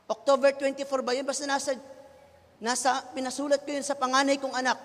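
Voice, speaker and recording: A Filipino pastor in his thirties, preaching with a very high, bright and forceful voice. He moves between soft, low passages and loud shouts. His voice rings with long reverb, as in a big church hall. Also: level tone, fast talker. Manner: switches between Tagalog and English, swings from hushed to shouting. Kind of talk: sermon.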